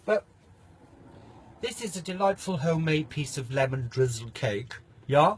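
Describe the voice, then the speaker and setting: A man's voice: a little high, animated, unhurried, husky. Opinionated man ranting while eating. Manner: mocking, opinionated, talks with mouth full. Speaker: vlogger. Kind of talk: casual ranting vlog.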